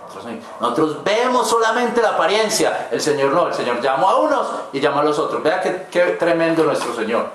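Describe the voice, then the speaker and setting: A man's voice: fairly high pitch, big pitch swings, a little fast, few pauses, a bit bright. A man pastor preaching a sermon in a rambling, folksy way with asides to the congregation. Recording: very echoey church hall with faint noise.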